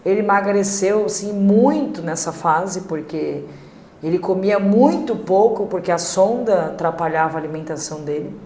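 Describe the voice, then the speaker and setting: A Brazilian woman telling her family story as a podcast guest, halting and emotional, with many fillers. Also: lowish voice, dark tone, a little hiss or hum. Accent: Brazilian Portuguese. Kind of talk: personal testimony in a podcast. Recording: echoey room.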